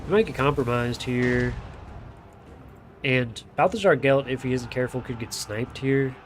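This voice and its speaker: A man's voice: medium pitch, moderate pace, a little hiss or hum. A man with a nasal voice from blocked sinuses, casually giving loose, chatty play-by-play commentary on a strategy game as a streamer, swearing now and then. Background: music playing.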